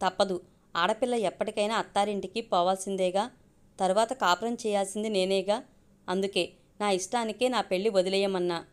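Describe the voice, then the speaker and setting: A woman's voice: mid-range voice, steady tone, a little fast, clean tone, lightly acted. Woman reading as a naive younger sister. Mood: confiding.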